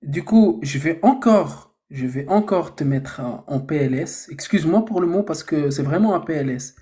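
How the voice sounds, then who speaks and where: A man's voice: fairly high pitch, expressive, moderate pace, dark tone. A man hosting a live online debate, pressing his points and reciting scripture verses aloud. His tone is argumentative. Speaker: debate host.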